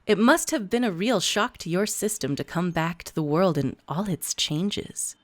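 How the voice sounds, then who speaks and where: Woman as a polished interviewer, expressive, patience wearing thin. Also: lowish voice, normal speed, dry recording, lightly acted. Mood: polite. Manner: polite, increasingly exasperated. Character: professional TV interviewer.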